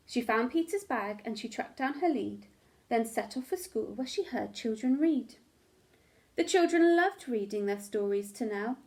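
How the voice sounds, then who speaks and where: Reading a picture book to children, this teacher brings lively, expressive storytelling to the page. She has a voice that runs somewhat high.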